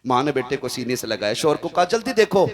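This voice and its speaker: A man from India preaching an emotional storytelling sermon, delivering it with passion that builds toward shouts. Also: mid-range voice, sing-song, fast talker. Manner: impassioned, rising to shouts.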